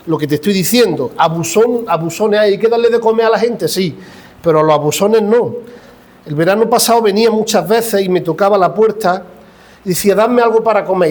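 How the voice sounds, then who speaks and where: A man with a high voice and an Andalusian Spanish accent preaches to his congregation. He acts out dialogue and keeps asking the church questions in an impassioned, fervent sermon delivery. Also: darkish tone. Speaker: pastor.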